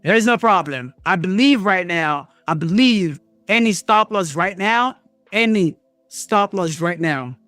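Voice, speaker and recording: A man hosting a live trading stream, talking to viewers in an excitable way, swearing and thinking aloud, jumping between loud outbursts and low mutters. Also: a little slow, dry recording, soft background music. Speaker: trading livestream host.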